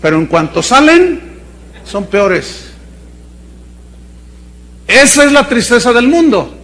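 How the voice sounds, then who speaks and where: A man's voice: extremely high pitch, big pitch swings, slow, fairly bright tone. A man with a Mexican accent preaching a sermon in a chatty, storytelling way, often checking in with his listeners. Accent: Mexican Spanish.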